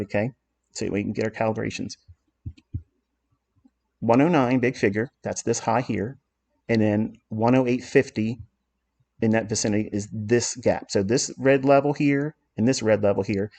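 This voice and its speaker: A man's voice: mid-range voice, darkish tone. A man walking through trading charts in a lesson, blunt and self-assured as he explains what he authored. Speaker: trading educator.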